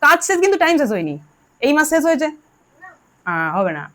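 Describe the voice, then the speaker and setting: A woman's voice: high-pitched, very animated, fast, pushed and bright. A woman teaching English grammar to a class, drilling her students and telling them to answer aloud. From Bengal. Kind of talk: classroom lesson.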